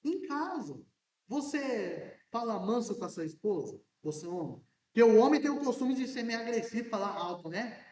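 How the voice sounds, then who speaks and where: A man preaching a sermon as pastor in a church, chatty and joking, asking his congregation questions and talking loudly because he is hard of hearing. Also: very high-pitched, big pitch swings, moderate pace. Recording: echoey church room from a distance.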